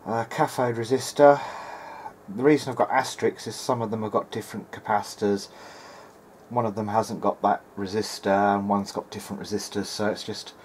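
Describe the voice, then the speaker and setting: Speaking at a moderate pace in a steady, rather low voice, a man thinks aloud with some hesitation. He hosts a casual hands-on electronics demonstration at an indoor workbench as a hobbyist repairer. The audio is clear, with workshop room noise behind it.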